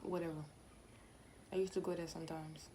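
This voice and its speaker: A young Louisiana woman in her twenties vlogs casually to camera at home, rambling, chatty, and full of asides. Her fairly low, mellow voice is brisk and flat in delivery. The poor home recording carries a clear hiss of noise behind her.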